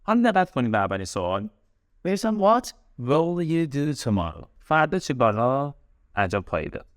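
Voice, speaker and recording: This studio-quality, dry recording captures a man with a Persian accent giving an English grammar lesson. His mid-range voice has a sing-song lilt, and he slows down to spell out example sentences and drills key words through repetition.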